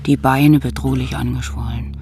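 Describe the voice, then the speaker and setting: A man narrating a radio play in a quiet, reflective way. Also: mid-range voice, level tone, normal speed, music in the background, close to an everyday voice.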